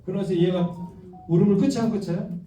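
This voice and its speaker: Male lecturer with a high but very dark, mellow voice, addressing an audience with constant questions; recorded from afar in an echoey hall. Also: steady tone, quick pace, recorded from a distance, faint music behind. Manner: keeps asking the audience questions. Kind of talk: public lecture to a live audience.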